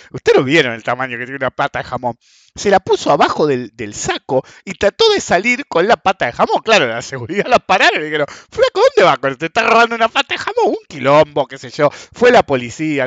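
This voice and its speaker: A man with an Argentine accent, hosting a podcast and telling anecdotes in a casual way, often clearing his throat and chuckling as he goes. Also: a little high, huge pitch swings, fairly quick, fairly bright tone, dry recording. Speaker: podcast host. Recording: dull lo-fi dry sound.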